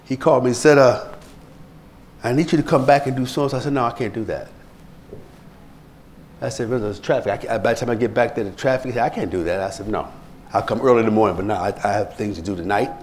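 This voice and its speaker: A man's voice: fast talker, slight background noise. A man preaching a sermon as pastor, telling stories and acting out the people he quotes. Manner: preachy, animated, acts out quoted people in rising pitch. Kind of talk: sermon with anecdotes.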